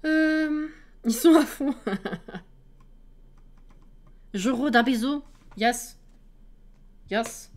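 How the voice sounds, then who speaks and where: A woman with a slightly high voice talks loosely to her live-stream viewers. She greets them one by one and laughs easily between remarks. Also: expressive, extremely slow, pauses often.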